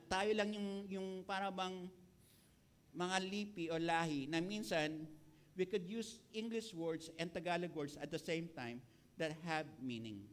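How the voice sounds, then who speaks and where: Middle-aged Filipino pastor with a Filipino accent, high-pitched voice, code-switching sermon with light jokes to the church. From Philippines. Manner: mixes Tagalog and English, playful asides to the congregation.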